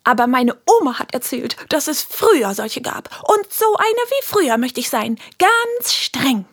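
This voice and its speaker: A woman's voice: high-pitched, sing-song, measured pace, a bit bright, pitched above the performer's own voice, exaggerated voice. A woman voicing a little girl who pretends to be a strict, scolding schoolteacher. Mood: bossy. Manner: scolding, bossy. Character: little girl playing a strict old-fashioned teacher.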